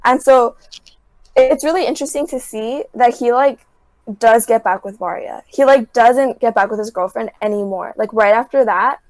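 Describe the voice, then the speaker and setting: A woman's voice: on the high side, normal speed, a little mellow, no echo, poor audio. A young adult woman as a podcast guest, casually retelling scenes from a show with constant filler words. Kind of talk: casual chat.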